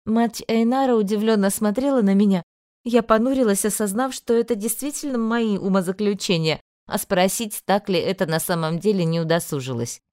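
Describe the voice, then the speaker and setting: A woman's voice: mid-range voice, brisk, darkish tone, dry recording. Woman narrating an audiobook, dry sound. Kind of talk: first-person audiobook narration.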